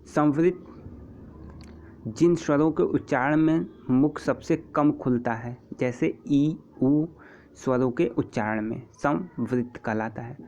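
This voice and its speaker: A man teaching an exam-prep lesson, patiently repeating terms and example sounds, with frequent throat clearing. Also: medium pitch, mellow. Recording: dull lo-fi recording.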